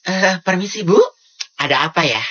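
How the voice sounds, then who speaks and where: A woman's voice: on the low side, animated, moderate pace, pushed and bright, muffled recording. Woman playing every part in a skit. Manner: switches between many bickering characters. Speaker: comedy skit creator. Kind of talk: one-woman comedy skit.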